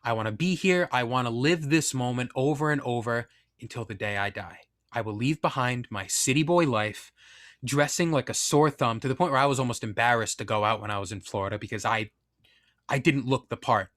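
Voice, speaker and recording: A young man with an ordinary mid-range voice tells a personal story in a loose, casual way. He is candid and quick to poke fun at himself, drifting into side comments as he goes. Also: mid-range voice, a bit bright. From Northeastern US. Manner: candid, self-deprecating, rambling with asides. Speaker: podcast storyteller.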